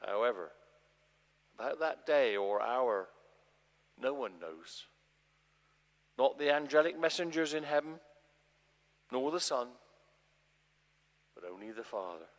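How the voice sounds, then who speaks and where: A man reading the part of Jesus in a dramatic scripture performance, as a solemn, urgent teacher who prophesies with weighty, deliberate phrasing. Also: medium pitch, lively intonation. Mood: solemn, proclaiming. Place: large church, live performance. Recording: long church reverb.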